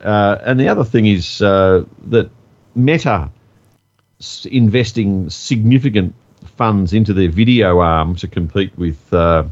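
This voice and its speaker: Deep-voiced man, measured. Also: expressive, a little mellow, lo-fi sound. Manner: measured, hesitant with many uhs. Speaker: podcast co-host. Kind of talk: casual chat.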